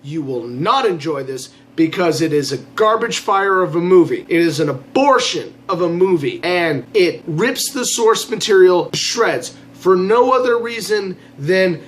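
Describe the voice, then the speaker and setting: High-voiced man ranting tipsily. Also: lively intonation, a little slow, few pauses, slight background noise. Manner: tipsy, drink-loosened delivery; emphatic ranting, repeats phrases for stress. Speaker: film reviewer. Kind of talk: opinionated vlog movie review.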